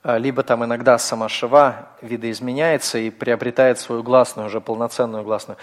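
A man's voice: mid-range voice, level tone, brisk, big-room sound. A man teaching a class, explaining step by step in a patient manner with frequent hesitations. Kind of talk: classroom lecture.

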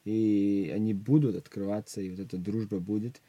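A man's voice: fairly low pitch, steady tone, normal speed, warm tone, husky, dry recording, lo-fi sound. A young man speaking as a guest youth minister in an interview, earnest, often restarting his words. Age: young adult. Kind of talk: religious interview talk.

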